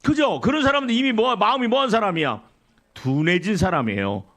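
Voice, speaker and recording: A middle-aged pastor delivers a sermon in a church sanctuary in a high-pitched, fairly bright voice, fairly quick and lively in intonation. He quotes scripture, acts out complaining believers and poses questions to the congregation before answering them himself.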